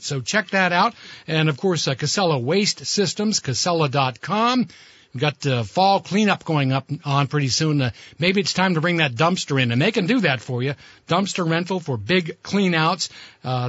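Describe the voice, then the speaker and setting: A male radio host with a fairly high voice talks conversationally, restarting phrases as he goes. The studio sound is dry and slightly dull. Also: fairly bright tone, no room sound. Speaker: radio talk show host. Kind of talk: live radio hosting, sponsor reads and interviewing.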